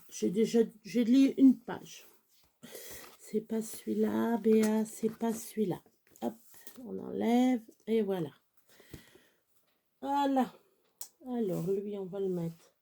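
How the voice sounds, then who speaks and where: A woman reads children's picture-dictionary entries aloud and spells each word out letter by letter. Her voice is soft and mellow, and she talks slowly and casually, dropping in chatty asides. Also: a little high. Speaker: children's storyteller.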